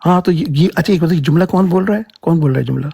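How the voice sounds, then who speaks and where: A man's voice: a little high, vocal fry, dark tone, breathy edge, no echo, studio quality. A man in a heated religious debate, arguing insistently and cutting in. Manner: argumentative, insistent, interrupting.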